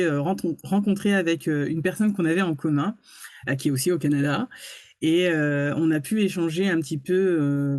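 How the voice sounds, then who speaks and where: A woman hosting an interview, speaking gently and reflectively with frequent pauses and hesitations. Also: sits low, no room sound. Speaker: interviewer and host. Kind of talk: warm interview introduction.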